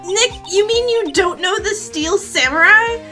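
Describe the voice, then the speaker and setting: Bubbly teenage sidekick, put on by a woman; slow, eager, over clear music. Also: full character voice. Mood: excited. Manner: eager, gushing, high and loud.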